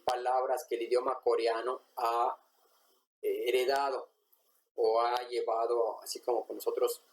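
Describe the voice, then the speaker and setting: A man, teaching a language class at a whiteboard. He is patient and says each example word slowly, more than once. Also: medium pitch, darkish tone, slight background noise, low-quality recording.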